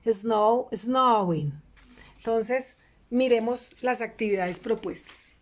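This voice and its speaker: A woman teacher with a Colombian Spanish accent, explaining a lesson slowly and spelling out letters one by one. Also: a little high, darkish tone. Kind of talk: recorded lesson feedback.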